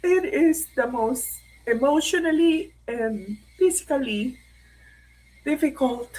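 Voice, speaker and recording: A middle-aged Filipino woman speaks slowly on a live stream in a high, breathy voice. She is tearful and keeps clearing her throat. She slips Tagalog phrases into her talk. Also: low-quality recording. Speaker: online mentor hosting a live stream. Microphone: live stream mic.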